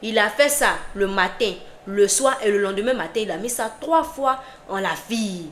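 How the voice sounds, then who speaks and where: A woman telling a story in a casual, lively, repetitive conversational way. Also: medium pitch, normal speed, a little hiss or hum. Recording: roomy with faint background ambience.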